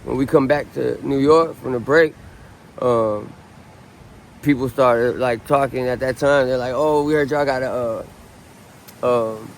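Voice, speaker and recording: Speaking a little slowly with vocal fry and long pauses, a man in his late thirties from Southern California tells his story in a casual outdoor street interview. His mid-range voice rambles in a relaxed way, full of ums and restarts. The audio is poor, with faint street noise.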